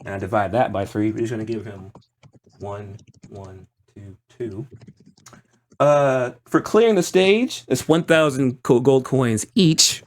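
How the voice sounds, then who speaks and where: A man working as game master, narrating a tabletop roleplaying game in a halting, piecemeal way. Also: medium pitch.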